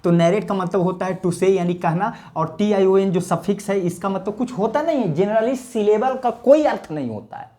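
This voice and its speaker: A man's voice: high-pitched, moderate pace, few pauses, mellow. A man with a Bihari accent giving a chatty, joking grammar lesson, asking questions and answering them himself. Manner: chatty and joking, asks questions then answers them, calls viewers sir. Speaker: English grammar teacher. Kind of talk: casual grammar lesson to camera.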